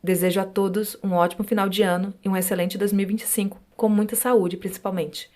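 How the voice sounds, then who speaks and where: A woman with a Brazilian Portuguese accent, a podcast host calmly reading listeners' true supernatural stories aloud. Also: medium pitch, quick pace.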